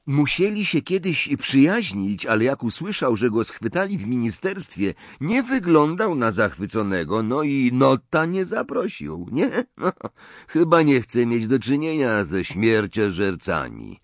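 A man's voice: medium pitch, very animated, unhurried, no room sound, voice pushed up. A man voicing a sullen, aloof teenage boy in an audiobook, speaking in a cold, offhand tone.

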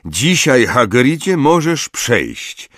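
A man voicing a stern, proud male centaur leader in an audiobook, speaking calmly and solemnly. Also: mid-range voice, takes it slowly, no echo, studio quality, pitched above the performer's own voice, exaggerated voice.

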